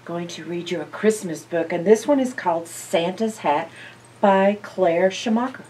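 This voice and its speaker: An older woman, a library storyteller, reads a picture book aloud to young children at a measured pace in a lowish voice, seated by bookshelves in an indoor library. Her reading is expressive, with animated reactions and questions to the listeners. There is slight background noise and the microphone sits slightly distant.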